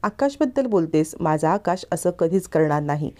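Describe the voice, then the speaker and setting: A woman's voice: deep voice, expressive, normal speed, mellow. A woman voicing a devout, protective old grandmother who speaks in a pleading, lamenting way.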